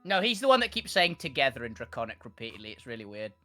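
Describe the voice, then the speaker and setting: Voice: medium pitch, very animated, fast, bright, forceful tone. A person playing in a tabletop role-playing game, bantering casually and in character, laughing readily.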